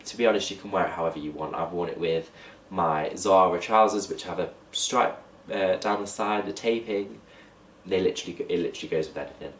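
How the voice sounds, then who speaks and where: A young fashion vlogger chats casually to camera during a clothing haul, holding up items as he talks. His voice sits low yet has a fairly bright tone, slightly blocked and nasal, and he speaks fairly quickly. He is far from the mic, off-mic in an echoey room.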